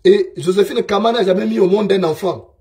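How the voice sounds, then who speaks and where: A man's voice: sits high, fairly quick, darkish tone. A man from Gabon, giving a scornful, emphatic political monologue full of repeated phrases.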